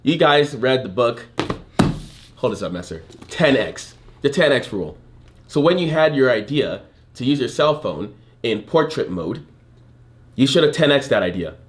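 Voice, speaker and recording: A man's voice: mid-range voice, big pitch swings, normal speed, slight background noise. A man hosting a podcast in a brash, joking, teasing way, bantering with his co-hosts. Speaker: podcast host. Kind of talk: casual podcast chat.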